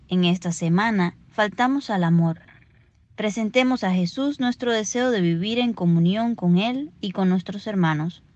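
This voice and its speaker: A woman reading a scripted Gospel reflection in a calm, measured way, on a dull lo-fi recording. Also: mid-range voice. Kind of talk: scripted devotional narration.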